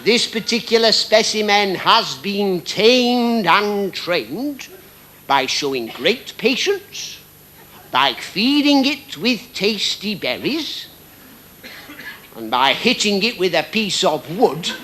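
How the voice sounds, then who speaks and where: A man performing a comic mock lecture on stage as a ventriloquist, with formal, deliberate, mock-scholarly phrasing. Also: sits high, very animated, bright, forceful tone. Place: on stage at a live show. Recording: very noisy live stage recording.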